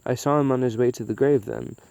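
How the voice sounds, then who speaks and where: A man's voice: steady tone, fast, creaky, mellow, no echo, lightly acted. A man voicing a surly, bitter older bald man in pain who complains and screeches. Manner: complaining, shrill when upset.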